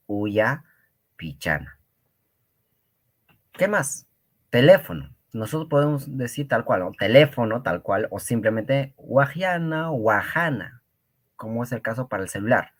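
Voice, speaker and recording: Slow, patient male language teacher. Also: on the low side, fairly bright tone. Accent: Peruvian Spanish. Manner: patient, repeats words slowly for students. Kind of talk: online class.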